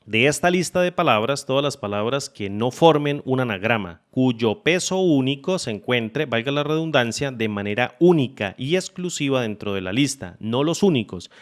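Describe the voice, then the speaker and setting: A man hosting a spreadsheet tutorial, explaining formulas step by step in a methodical way and repeating phrases to make things clear. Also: mid-range voice, animated, normal speed, few pauses. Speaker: Excel tutorial host. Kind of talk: screen-recorded software tutorial.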